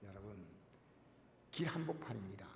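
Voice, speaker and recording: A man preaching a sermon to his congregation, emphatic and direct, swinging between loud exclamations and near-whispers. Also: on the low side, animated, normal speed, creaky, heavy background noise. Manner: addresses the congregation directly with repeated questions. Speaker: pastor. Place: church sanctuary. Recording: echoey church hall with long reverb.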